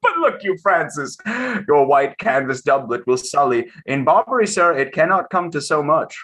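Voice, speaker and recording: An actor reading a witty, boastful young prince in a Shakespeare play, with teasing theatrical declamation. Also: male voice, fairly high pitch, sing-song, normal speed, a bit bright.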